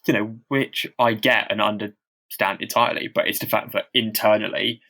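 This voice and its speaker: A man's voice: on the low side, steady tone, moderate pace, vocal fry, sharp tone. A man co-hosting a podcast in casual chat, who stammers with blocks and repeated sounds and talks in a loose, self-deprecating way. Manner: loose and chatty, with lots of fillers and self-deprecating asides. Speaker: podcast co-host.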